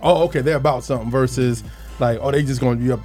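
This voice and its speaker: A man who talks fast and tells his story with energy. He speaks casually with the others. Soft music sits faintly behind him. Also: mid-range voice, steady tone. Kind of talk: casual chat.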